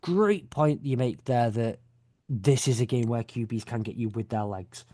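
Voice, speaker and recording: Recorded dry, this British man hosts a podcast with a mid-range, dark-toned voice at normal speed. The talk is loose and casual, full of rambling, jokes and self-corrections.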